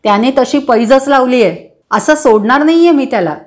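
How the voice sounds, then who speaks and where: A woman's voice: sits high, animated, moderate pace, darkish tone. A woman reading a story aloud and voicing a boastful, stubborn young man who insists and taunts. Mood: cocky. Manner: cocky and insistent.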